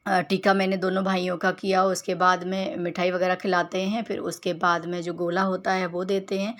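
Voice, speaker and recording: A woman in her thirties from Uttar Pradesh, narrating her family vlog in a chatty, homely way and walking viewers through each clip. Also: on the low side. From Uttar Pradesh, India. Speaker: family vlogger. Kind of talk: casual vlog voice-over narration.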